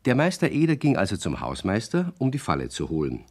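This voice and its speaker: A man reading the narration of a children's radio story in a lively storytelling manner. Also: fairly low pitch, a little fast.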